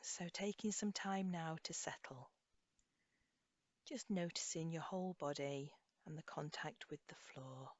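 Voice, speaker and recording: A woman with a low voice guides a body scan meditation, speaking softly, soothingly and unhurriedly as her phrases trail off breathily. The room recording is slightly dull and echoey.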